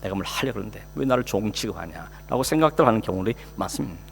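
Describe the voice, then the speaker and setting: A man's voice: fairly low pitch, animated, rapid-fire, creaky. Man preaching in a reverberant church. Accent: Korean. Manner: conversational preaching with rhetorical questions and acted quotes. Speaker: pastor. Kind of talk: sermon. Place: church sanctuary. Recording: long hall reverb, faint hum.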